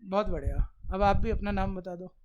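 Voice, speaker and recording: A man teaching maths to a class, coaxing the pupils along with quick direct questions. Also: sits high, darkish tone, dull audio. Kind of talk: classroom lecture.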